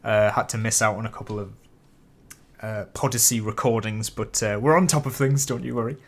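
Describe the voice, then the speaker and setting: Getting over a cold, a man hosting a casual YouTube live reaction stream coughs and sniffles while rambling chattily through lots of fillers and restarts. His fairly low voice is brisk with fairly even intonation, and a little hiss or hum sits in the audio.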